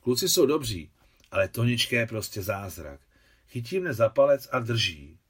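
A man's voice: mid-range voice, big pitch swings, slightly rough. A man voicing a jovial, modest young father and scientist in an audiobook.

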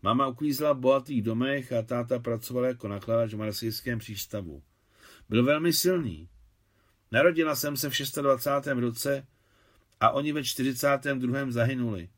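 A man's voice: mid-range voice, lightly acted. A man voicing a shy young working-class woman who talks plainly and artlessly in an audiobook. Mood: candid.

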